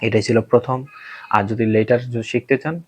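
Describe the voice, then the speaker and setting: A man with a Bengali accent teaching phonics, who says each sound slowly and repeats it several times. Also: mid-range voice, steady tone, rough recording. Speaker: English pronunciation teacher. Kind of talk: slow phonics lesson.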